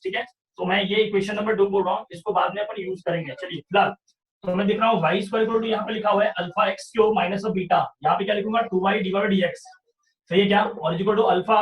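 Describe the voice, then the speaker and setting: High-voiced maths teacher, echoey room. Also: male voice, far from the mic. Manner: explains step by step, often asks "sahi hai kya?". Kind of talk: online revision class lecture.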